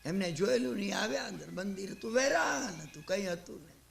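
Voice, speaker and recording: A man's voice: sits high, expressive, a little fast, vocal fry, fairly bright tone, echoey room, a little hiss or hum. A man preaching a sermon, telling a story and acting out its characters. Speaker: Jain preacher.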